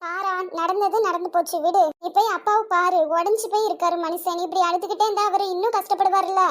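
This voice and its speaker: Woman voicing a soothing high-voiced cartoon best friend. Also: fairly even intonation, fast talker. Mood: consoling. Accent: Tamil. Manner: soothing, coaxing. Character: caring young female best friend.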